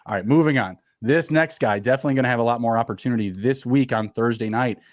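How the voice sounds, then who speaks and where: A man talking fast and upbeat as a podcast co-host, moving briskly from one stat to the next. His voice is close and dry, with no room sound around it. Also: medium pitch, no room sound. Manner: quick, upbeat, stat-heavy talk with fillers. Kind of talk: fantasy football podcast chat.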